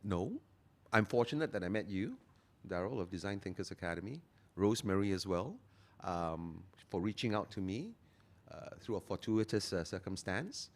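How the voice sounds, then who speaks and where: A man, talking earnestly as a guest and slowing down to stress his key phrases. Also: sits low, animated. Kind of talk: motivational interview talk.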